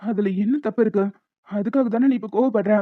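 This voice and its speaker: A performer voicing a stubborn young husband set on revenge in a homemade cartoon, talking forcefully and insistently. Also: medium pitch, fairly quick, lightly acted. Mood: pleading. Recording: dull lo-fi sound with faint music.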